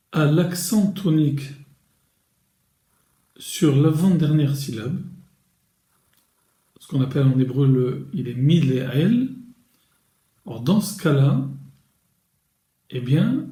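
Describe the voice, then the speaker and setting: Man teaching slowly in an echoey room. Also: mid-range voice, warm tone. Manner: slow, deliberate explanation with pauses and restarts. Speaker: Hebrew grammar teacher. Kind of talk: recorded lesson.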